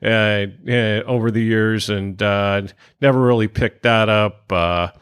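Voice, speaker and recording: A man's voice: on the low side, fairly even intonation, unhurried, a bit bright, clear, resonant tone. A man with a Californian accent hosting a casual interview, often repeating his phrases in a joking way. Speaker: podcast host, interviewer.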